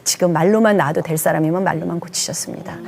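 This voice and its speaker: A woman's voice: on the low side, fairly even intonation, quick pace, creaky, darkish tone. A Korean woman pastor in her sixties giving an earnest, emphatic testimony sermon, acting out the lines she quotes.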